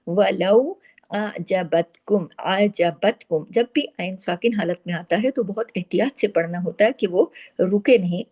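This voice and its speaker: A woman teaching Quran recitation rules, explaining step by step and then reciting words slowly and drawn out. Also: fairly low pitch, dark tone. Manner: asks the listener quick questions and answers them herself. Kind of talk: tajweed lesson with slow demonstrated recitation.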